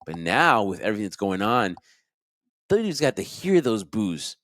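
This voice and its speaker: A man co-hosting a podcast, chatting casually about wrestling in a rambling, animated way. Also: lowish voice, moderate pace, no echo. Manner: animated, rambling, laughs often. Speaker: podcast co-host.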